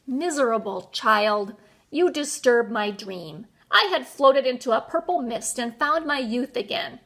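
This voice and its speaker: A woman's voice: on the high side, expressive, unhurried, a bit bright, full character voice. A woman voicing a grumpy, dreamy old man in a children's storybook, with a grandiose, wistful manner. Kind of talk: children's storybook read-aloud.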